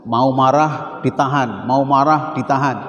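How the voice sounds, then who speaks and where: Javanese-accented preacher in an echoing hall. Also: male voice, mid-range voice, fairly even intonation, fairly bright tone, lo-fi sound. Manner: teasing the congregation with questions, then repeating phrases slowly. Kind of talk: Sunday morning mosque sermon. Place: mosque hall. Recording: roomy hall echo with faint noise. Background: congregation laughing from far off.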